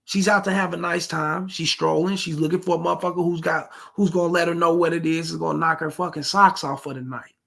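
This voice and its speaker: A man's voice: on the high side, steady tone, quick pace, creaky, few pauses, fairly bright tone. A man giving blunt, profane dating advice to the fellas while reacting to a street clip. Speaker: reaction commentator. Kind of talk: reaction commentary.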